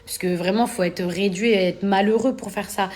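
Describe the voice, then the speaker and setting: A woman's voice: medium pitch, steady tone, normal speed, a little mellow. A young woman, an influencer speaking casually to her followers, indignant and emphatic, repeating words for stress and working up to heated outbursts. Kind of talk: casual monologue to camera.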